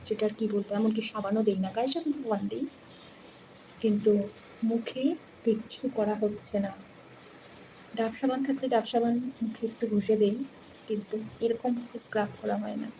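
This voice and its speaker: A woman chatting casually in a home vlog, rambling and speaking softly because others are asleep. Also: on the high side, slight background noise, poor audio. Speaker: vlogger.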